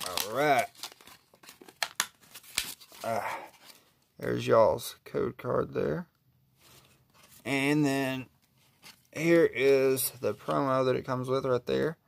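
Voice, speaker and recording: Slow, gravelly man opening cards. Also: medium pitch. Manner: slow, easygoing, admiring each card aloud. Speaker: card pack opener. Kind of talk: casual unboxing commentary.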